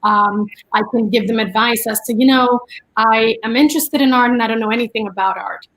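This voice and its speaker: A middle-aged woman from the Dominican Republic, raised in New York, is a guest on a casual chat, talking about her career as an art dealer and curator. She's chatty and animated, telling stories packed with fillers. Her voice is on the high side and a little fast, and the audio is poor.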